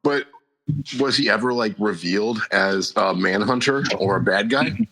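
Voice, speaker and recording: A man with a bright voice joins a comics podcast from the listener chat. He asks his question hesitantly, stopping and restarting. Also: lowish voice, moderate pace, vocal fry, poor audio. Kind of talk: casual chat about comics.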